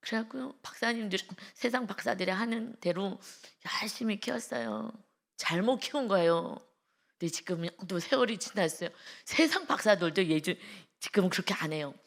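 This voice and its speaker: A woman preaching a dawn devotional sermon. She tells stories with animation and acts out small scenes, turns soft and tender when she speaks of caressing a baby, and rises loud and fervent when she exhorts. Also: medium pitch, fairly quick. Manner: animated storytelling, acting out little scenes.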